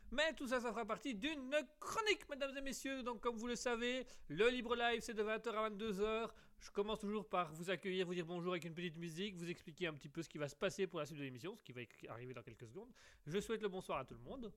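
A man's voice: high-pitched, fast talker, a bit bright. A man with a slight English accent hosting a live call-in radio show, playful, rambling and theatrical. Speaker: radio host.

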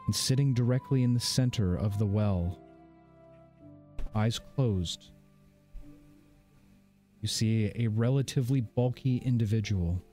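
A man narrating a tabletop fantasy game as game master, measured and descriptive with dramatic pauses. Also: fairly low pitch, warm tone. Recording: background music under the voice.

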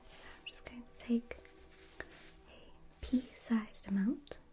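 A woman in a whispered role-play as a spa therapist, speaking in a soft, soothing, attentive whisper. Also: a little high, fairly even intonation, slow pace.

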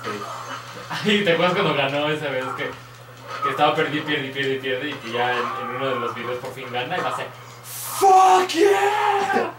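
A man's voice: mid-range voice, a little fast. A young man with a Mexican Spanish accent, laughing and telling stories in crude gaming banter. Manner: laughing, animated storytelling. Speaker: gameplay commentator. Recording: echoey room, far mic, loud noise.

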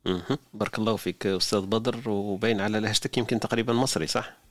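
A man's voice: lowish voice, steady tone, rapid-fire, dry recording. A man with an Algerian accent hosting a live audio room on a phone app, explaining and giving advice at length. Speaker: podcast host.

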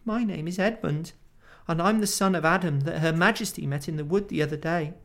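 A man's voice: medium pitch, animated, normal speed, sharp tone. A man voicing a young boy who trembles and stammers as he pleads, in a storybook reading. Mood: frightened. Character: young boy, frightened and eager.

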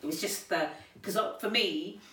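A woman's voice: fairly low pitch, moderate pace, far from the mic. A woman chatting casually with friends and acting out what other people said. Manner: animated, acts out what others said. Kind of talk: casual chat among friends. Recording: roomy, from the mic.

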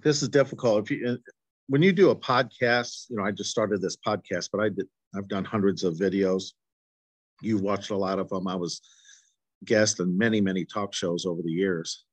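Low-voiced earnest podcast host, halting. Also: male voice, no room sound. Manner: earnest, halting, with frequent restarts and stutters. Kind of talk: conversational interview.

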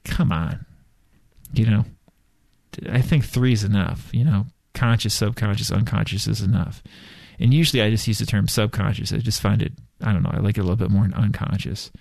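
A man's voice: on the low side, a little fast, creaky, a little mellow, no echo. A man talking casually and bluntly about spirituality, repeating himself as he goes. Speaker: spiritual talk host.

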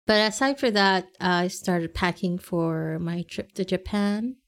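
A woman's voice: on the low side, a little slow. A woman co-hosting a laid-back podcast, talking with a slight lisp from a bitten tongue. She takes her time and breaks into giggles often. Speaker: podcast co-host. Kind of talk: casual chat.

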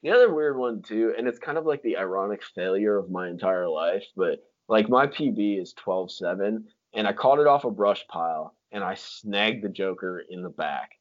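A man's voice: on the low side, animated, moderate pace, hardly any pauses. A man telling stories in casual chat, with slangy talk full of dude, like and freaking. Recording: dull lo-fi sound.

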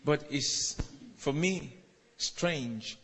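A man preaching in in a church hall, swinging from low murmurs to shouted commands as he is interpreted line by line. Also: very slow. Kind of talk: sermon with live interpretation. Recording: echoey hall.

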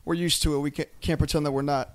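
Man, hoarse, raspy, strained worn-out voice, casual sports fan chat, podcast co-host. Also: a little high, flat delivery, quick pace. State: hoarse, voice lost from yelling.

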